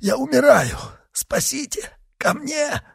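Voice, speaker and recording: A man's voice: very high-pitched, animated, takes it slowly, creaky, dry recording, studio quality, pitched above the performer's own voice, full character voice. Man doing a frantic drowning villain. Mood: desperate. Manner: frantic, begging cries.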